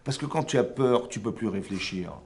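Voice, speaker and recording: A man, a rabbi giving a lively religious lesson to a women's class, full of rhetorical questions and checks on whether his listeners follow. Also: lowish voice, moderate pace. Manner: animated, rhetorical questions, frequent checks on understanding. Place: seminary classroom.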